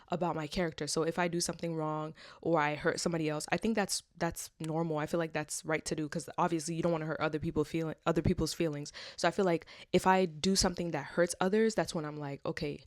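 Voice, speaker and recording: A woman's voice: on the low side, fairly even intonation, fast talker, no room sound. A woman in her twenties making a vlog. She reads a script, then rambles chattily with many fillers and tag questions. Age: 20s. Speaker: vlogger. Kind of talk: scripted narration, then casual personal chat.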